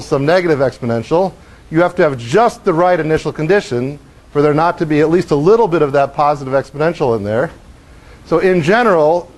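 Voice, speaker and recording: A middle-aged man giving a university lecture in a lecture hall, animated as he acts out motion and tosses wry questions to the class. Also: a little high. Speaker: professor.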